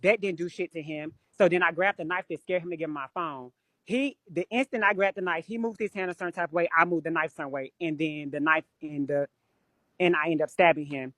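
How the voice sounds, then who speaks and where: On a live stream, a woman tells stories bluntly and swears plenty in casual chat, picked up by a phone or webcam. Her voice is deep and a bit bright, with fairly even intonation and a slightly quick pace, and there's no echo.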